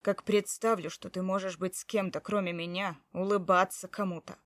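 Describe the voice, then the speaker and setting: A stubborn grown husband, gruff and insistent, his voice pushing hard and loud, as a woman puts him on. Every word comes through close and dry, with no room around it. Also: mid-range voice, steady tone, normal speed, no echo, natural voice. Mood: pleading.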